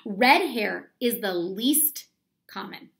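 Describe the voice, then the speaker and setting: A creaky, medium-pitched, slightly bright voice belongs to an elementary school teacher who reads animatedly but slowly to children. She breaks things down step by step and puts questions to them in this instructional read-aloud from a small indoor room at home.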